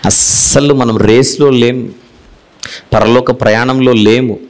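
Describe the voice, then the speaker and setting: A man preaching a sermon with a Telugu accent, repeating phrases for emphasis and swinging between loud declarations and low, hushed rebukes. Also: fairly even intonation, takes it slowly.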